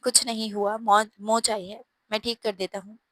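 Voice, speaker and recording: A woman's voice: medium pitch, flat delivery, moderate pace, bright, forceful tone, dry recording, natural voice. Woman voicing a curt, stern young man. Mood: irritated. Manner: curt, snapping.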